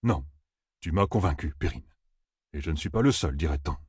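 A man reading an audiobook, voicing a cautious, doubtful farmer who speaks in a subdued, hesitant and husky way. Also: a bass voice, lively intonation, brisk, dry recording, studio quality, heavily acted. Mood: conceding.

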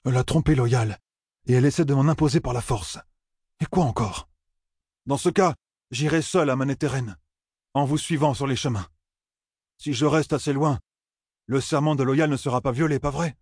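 A man's voice: medium pitch, moderate pace, long pauses, darkish tone, slightly rough, no echo, clean studio sound, pitched above the performer's own voice, close to an everyday voice. A man doing an indignant stubborn young man. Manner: indignant, raising his voice.

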